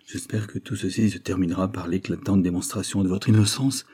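A man's voice: sits low, steady tone, brisk, warm tone, slightly rough. A man reading an audiobook, voicing a bewildered, reluctant police inspector. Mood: firm. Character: puzzled male police inspector, middle-aged.

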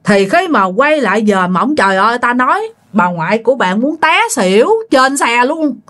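A woman's voice: fairly high pitch, lively intonation, normal speed, a bit bright. Chatty woman telling a ghost story. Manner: chatty, colloquial, addresses listeners directly. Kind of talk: casual ghost story narration.

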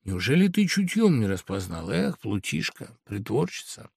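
A man's voice: on the low side, big pitch swings, moderate pace, gravelly, breathy edge, no echo, clean studio sound, exaggerated voice. A man voicing a suspicious, blunt male woodpecker in a storybook reading, mocking and argumentative. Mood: mocking suspicion.

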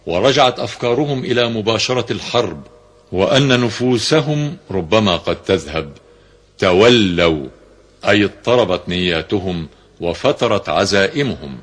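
A man reading a classical scripture commentary in a formal, measured way, slowing down for quoted verses, on a radio broadcast recording. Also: lowish voice, a bit bright, slightly rough. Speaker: reader of Quran commentary.

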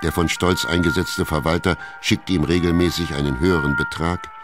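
Deep male narrator for a literary radio play, calm delivery, clear music behind. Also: moderate pace.

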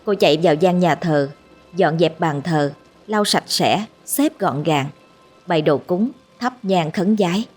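A woman with a husky, lowish voice reads a ghost story in a steady, dramatic way. Faint music runs quietly behind her narration. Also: unhurried.

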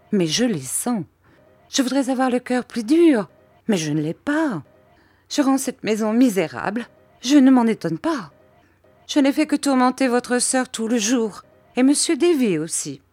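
A woman's voice: fairly high pitch, animated, a little slow, darkish tone, breathy edge, no room sound, voice pushed up. A woman voicing a gloomy, self-pitying old widow who whines and complains tearfully. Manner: plaintive, whining.

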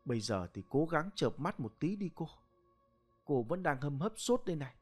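A man's voice: a little high, big pitch swings, moderate pace, husky, soft background music. A man voicing a caring young niece who soothes her frightened aunt and plans what to do. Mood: soothing. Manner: soothing, practical.

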